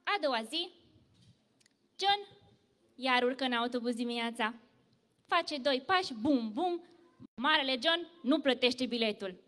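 A woman telling a story to children at church, lively and full of questions for the kids. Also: high-pitched, long pauses, long reverb tail. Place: church hall.

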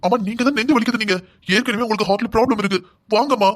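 A man's voice: on the high side, racing, fairly bright tone, lightly acted. A young man voicing a stubborn, resentful husband in a cartoon drama, speaking harshly and defiantly. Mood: agitated.

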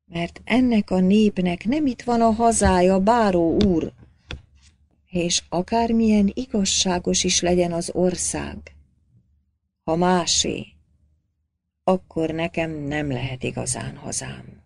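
A woman's voice: lowish voice, vocal fry. A woman voicing an old male village priest, guilt-ridden and fervent, who pleads and cries out in anguish. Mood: anguished shouting. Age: older. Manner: pleading, then shouting in anguish.

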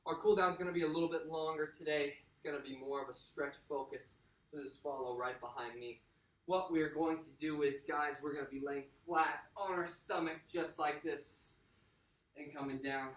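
A man coaching a kids' workout, out of breath, cheering people through holds and then calmly guiding stretches. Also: on the high side, moderate pace. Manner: energetic hype shouting during sets, calmer during stretches. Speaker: fitness instructor. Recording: echoey room, mic at a distance.

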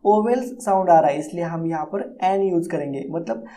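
Guy teaching grammar, soft mellow voice, keeps asking if u got it. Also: fairly high pitch. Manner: explains slowly, often checks if students understand. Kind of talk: classroom lecture on English grammar.

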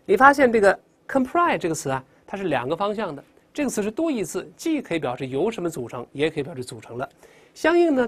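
A lively teacher leading a classroom vocabulary lesson, the pitch swinging widely as points get stressed. The delivery is emphatic, with words drilled aloud over and over and phrases often rounded off with a soft 啊.

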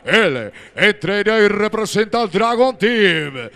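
A man announcing fighters at a fight arena, drawing out names in big booming calls. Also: animated, a bit bright. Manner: booming, drawn-out fighter introductions. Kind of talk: ring announcing.

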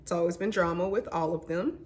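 A woman's voice: fairly low pitch, brisk, a little mellow. A woman in her twenties from Mississippi, telling her own story in a candid, emotional vlog and talking straight to her viewers. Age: 20s. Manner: candid and emotional, says y'all and honey. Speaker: vlogger.

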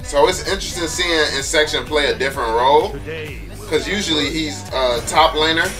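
A young gaming YouTuber with a congested voice gives laid-back, slangy reactions to mobile gameplay through a headset. His voice is a little high and brisk. He sounds far from the mic, with game audio and music playing behind.

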